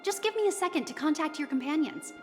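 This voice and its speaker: A woman's voice: high-pitched, animated, fast, a little mellow, big-room sound, soft background music. A woman playing a polite, flustered young hotel receptionist in a video game, with formal customer-service courtesy. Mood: apologetic, formal.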